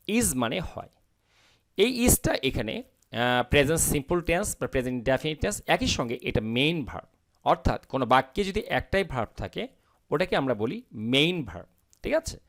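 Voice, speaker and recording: Lively-voiced man teaching English step by step. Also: medium pitch, vocal fry. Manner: reads English lines very slowly, often asks and answers his own questions; often ends with a rising "okay?". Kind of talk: explaining English lessons in Bengali.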